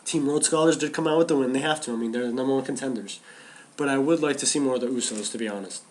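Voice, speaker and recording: Racing through his words, a podcast co-host with a mid-range, slightly mellow voice talks animatedly and casually about wrestling. He keeps restarting and repeating phrases.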